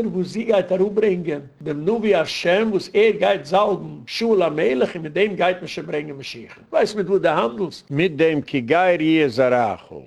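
Gravelly preaching rabbi. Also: male voice, a little high, darkish tone. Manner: preaching, rhetorical questions, sing-song emphasis. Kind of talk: Yiddish Torah sermon.

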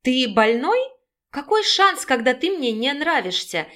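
A woman reading an audiobook, voicing a sharp-tongued, defiant young woman who snaps and mocks. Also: sits high, very animated, a little slow, heavily acted. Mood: scornful. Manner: snapping, sarcastic.

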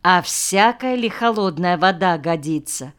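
A woman's voice: lowish voice, lively intonation, a little slow, clean tone. A woman voicing a patient male schoolteacher who mildly chides and coaxes his pupils with questions, in an audiobook. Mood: gently chiding. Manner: mildly chiding, coaxing questions. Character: patient male village schoolteacher, gently reproachful. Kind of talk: audiobook character voice.

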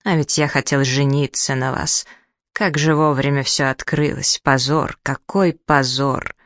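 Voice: mid-range voice, a little slow, dry recording, studio quality. Reader as an obsessive old professor. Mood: accusing. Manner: excited, accusing, dwells on his mummy. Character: agitated elderly male Egyptologist professor, obsessive.

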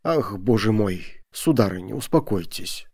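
A man's voice: on the low side, expressive, a little slow, a little mellow, husky, no room sound, studio quality, full character voice. A man voicing a middle-aged merchant who grovels with apologies to offended ladies in an audiobook story. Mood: placating. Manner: fawning, fussy, hissing at family.

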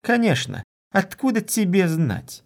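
A man voicing a shrill indignant young woman. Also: normal speed, darkish tone, close to an everyday voice. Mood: scornful. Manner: shrill, demanding.

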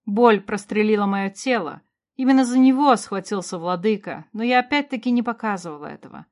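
A woman reading a first-person fantasy audiobook in a quiet, even storytelling voice. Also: medium pitch, a little fast. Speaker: audiobook narrator.

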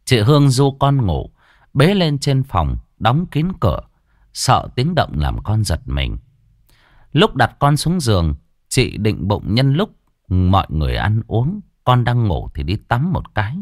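A man narrating a ghost story in an expressive, animated storytelling manner. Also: no echo, studio quality. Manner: lively, expressive storytelling with big pitch swings.

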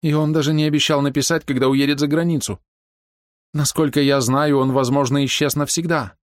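A man's voice: on the high side, steady tone, a little fast, dry recording, clean studio sound, voice pushed up, natural voice. A man voicing a proud, distraught older woman who pleads and flares up in indignation. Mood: defiant. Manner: pleading, indignant, breaking into outbursts. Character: proud distraught older woman, fiercely defending her brother.

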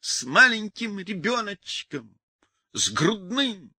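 A man voicing a hysterical young peasant woman who shouts and wails in an audiobook. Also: very animated, normal speed, husky, no room sound, clean studio sound, full character voice. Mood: wailing. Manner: wailing, shrill shouting.

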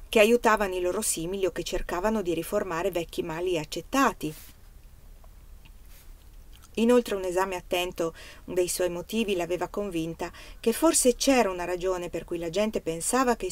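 A woman reading a novel aloud as an audiobook narrator, in a measured, steady literary manner. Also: medium pitch. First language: Italian. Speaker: reader.

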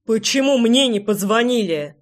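A reader voicing Raylikh, an angry young man who is a detective and a prince. He is blunt, shouts and swears. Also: very high voice, expressive, normal speed, pitched above the performer's own voice. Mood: heated.

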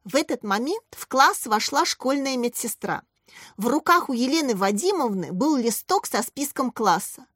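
A woman narrating a children's storybook aloud in a lively, expressive way. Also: sits high, moderate pace, husky, no room sound, studio quality. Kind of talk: storybook reading with character voices.

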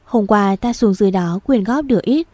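A gruff but kind older farmer neighbor with blunt, rustic country speech, as a woman reading a story aloud puts him on. Her tone is mellow and dark. The recording is dry and close. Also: medium pitch, expressive, fairly quick, no echo, natural voice. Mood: gruff kindly.

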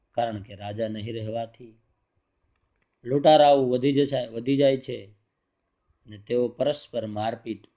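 A man reading as an old, calm sage. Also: medium pitch, muffled recording, lightly acted. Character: elderly calm male sage, wise and reproving.

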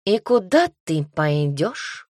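A woman's voice: on the low side, big pitch swings, takes it slowly, darkish tone, no echo, clean studio sound, full character voice. A woman voicing a plump, mischievous ginger male magic cat in an audiobook, drawing out her words. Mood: theatrical.

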